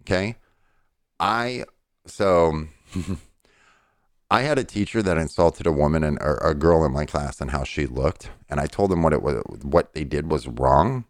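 A middle-aged man with a very low voice, recorded very dry. He debates casually and insistently, blunt in his opinions and free with profanity. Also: a little slow, dry recording.

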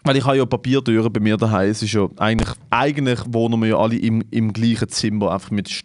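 A man's voice: lowish voice, quick pace, no echo. A young Swiss man with a Swiss German accent, a comedian co-hosting a podcast, who tells stories animatedly and acts out the quotes in casual chat. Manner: animated storyteller, acts out quotes, laughs often.

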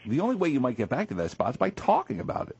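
A male radio show host in a morning talk show, animated and jokey, with a husky voice. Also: rapid-fire, highs cut off. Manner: animated, jokey, swings high for emphasis. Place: radio studio.

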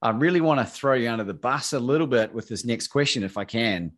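A man's voice: mid-range voice, fast talker, a bit bright. A man hosting a podcast interview in a friendly, joking way. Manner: friendly, joking, laughs easily. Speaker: podcast host. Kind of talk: conversational interview.

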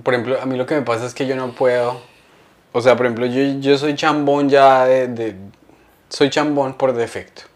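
A young man chats on a comedy podcast. He tells stories with lots of slang and acts out what other people said in a lively way. His voice sits in a middle pitch. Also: normal speed. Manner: animated storyteller, slangy, acts out quotes. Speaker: podcast co-host. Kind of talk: casual comedic chat.

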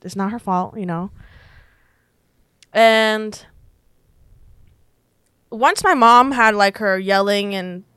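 A woman's voice: medium pitch, takes it slowly, pauses often, fairly bright tone, clear, resonant tone, dry recording. Young woman, casual storytelling, resonant voice, dry room. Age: young adult. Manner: chatty, many "like" fillers, quoted dialogue. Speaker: podcast guest.

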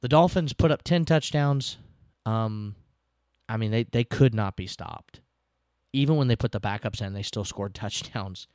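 A man's voice: on the low side, measured pace, a little mellow, no room sound, studio quality. A man, hosting a casual sports podcast, recapping games in a chatty, self-deprecating way and laughing now and then.

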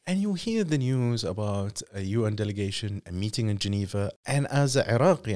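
A middle-aged man from Iraq speaks as an interview guest, his voice sitting low. He talks in measured, reflective sentences and works through lists of examples. He sometimes restarts a phrase before finishing it. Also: darkish tone. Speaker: journalist guest.

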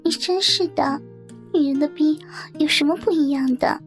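A woman voicing a coy, giggling young woman in a breathy, playful, whining voice. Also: sits high, steady tone, a little slow. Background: soft guitar music.

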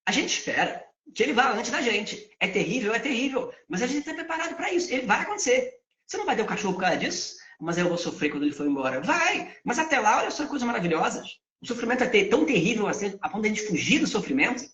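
A man teaching Vedanta ideas, who poses questions to himself and answers them in a lively spoken lesson. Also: extremely high pitch, fast talker, few pauses. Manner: asks and answers his own questions. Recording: echoey, dull lo-fi sound.

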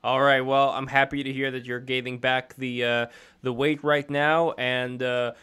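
A man hosting a casual live-stream podcast, talking haltingly with many fillers. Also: medium pitch, level tone, pushed and bright, clean tone. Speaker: podcast host.

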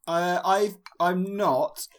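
A man's voice: high-pitched, fairly even intonation, very slow. Panelist, man, understated, wry. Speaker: podcast panelist. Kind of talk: casual chat.

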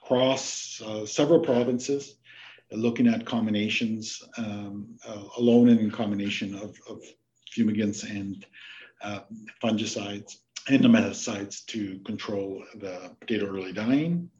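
A man with a fairly low voice talks through his research as a podcast guest. He keeps pausing with fillers and restarting phrases. The remote audio sounds a little dull and muffled. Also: a little mellow. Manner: halting, many fillers and restarts. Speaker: plant disease researcher, guest. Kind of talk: podcast interview.

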